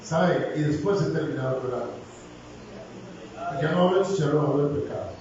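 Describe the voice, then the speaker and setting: A man preaching a humorous, animated sermon to his congregation in a church. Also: on the high side, a little fast, noisy background. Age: 60s. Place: church hall. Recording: echoey hall, distant mic, dull sound.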